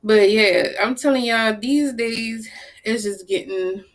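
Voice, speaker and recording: A woman talking casually to camera, telling stories in a lively, blunt way and acting out the people she quotes. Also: fairly high pitch, slow. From New Orleans, US South. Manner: animated storyteller, acts out quoted people, blunt and salty. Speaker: vlogger.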